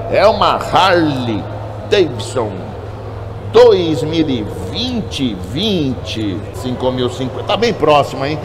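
A man's voice: mid-range voice, background noise. A Brazilian man working as an auctioneer, chanting bids in short, repeated number phrases. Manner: repetitive bid calling, clipped number phrases.

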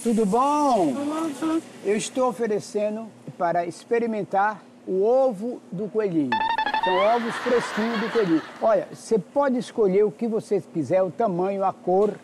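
A man's voice: high-pitched, normal speed, a little mellow, slight background noise. A man with a Brazilian accent pulling hidden-camera pranks in a supermarket, playful and teasing, yelping when people chase him. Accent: Brazilian Portuguese.

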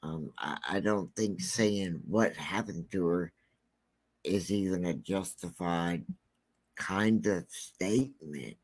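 Slowly, a man with a scratchy, deep voice talks in a relaxed, meandering way while hosting his true crime channel, packing his speech with lots of fillers.

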